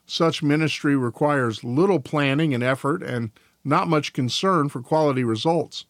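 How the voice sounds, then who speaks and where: A man's voice: fairly high pitch, moderate pace, no echo, studio quality. A male podcast host reading a devotional and a church confession aloud in a careful way, now and then tripping over his words.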